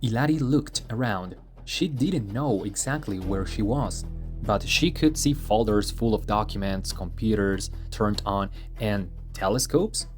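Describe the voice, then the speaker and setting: A man reading a children's story aloud as narrator, in a steady, expressive manner. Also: fairly low pitch, measured pace. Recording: music playing underneath.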